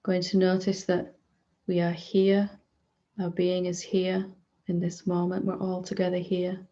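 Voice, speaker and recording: A spiritual teacher leads a guided meditation, her gentle voice speaking in short, unhurried phrases separated by long pauses. She sits on the low side with a completely flat delivery, and the audio is dull.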